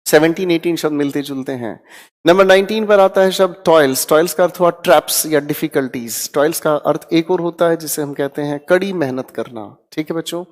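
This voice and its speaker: A man teaching English vocabulary to exam students in an energetic, drilling classroom manner. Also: fairly high pitch, long reverb tail. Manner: energetic, drills words loudly, frequent "ठीक है". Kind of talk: online exam-prep vocabulary lesson.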